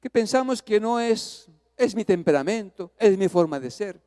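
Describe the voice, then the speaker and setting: A man, a pastor preaching a sermon, swinging from hushed to loud as he acts out a story. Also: sits high, lively intonation, moderate pace, clear, resonant tone, in a large hall. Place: church.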